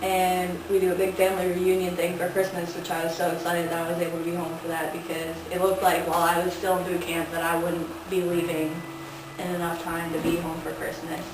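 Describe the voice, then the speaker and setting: A woman's voice: on the low side, monotone, fairly quick, background noise. 18-year-old woman telling a story in a very echoey room. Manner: casual, rambling, many fillers. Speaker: vlogger. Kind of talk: personal storytelling. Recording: very echoey room, distant mic, music behind.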